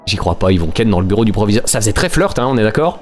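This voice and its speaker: A man's voice: on the low side, sing-song, very fast. A man doing joking let's-play commentary, reacting playfully to a game. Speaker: gaming streamer.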